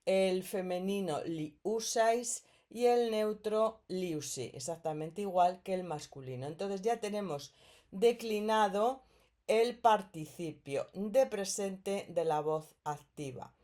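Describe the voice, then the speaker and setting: Slow, patient Spanish teacher woman. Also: medium pitch, animated, dark tone. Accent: Spain. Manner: patient, explains step by step with checking "¿eh?". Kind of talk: recorded grammar lesson.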